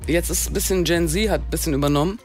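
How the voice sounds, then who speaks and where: A woman in her forties from Berlin, a rapper and guest, talking casually and haltingly with many fillers. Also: fairly low pitch, darkish tone, faint music behind. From Berlin, Germany. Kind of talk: casual interview talk.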